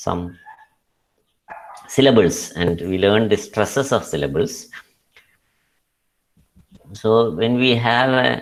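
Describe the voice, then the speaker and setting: A middle-aged man with a Malayali accent teaching an English class. He talks very slowly and explains step by step, restarting his words often. His voice sits somewhat low. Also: rough recording. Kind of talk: lecture.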